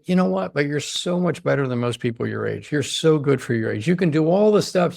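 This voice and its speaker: A man with a fry-edged, gravelly voice talks as a longevity doctor in an interview. He lays out his points with emphasis, often tagging them with a quick "right?". The sound is dry, with no room echo. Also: on the high side. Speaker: longevity doctor, podcast guest. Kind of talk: explanatory interview talk.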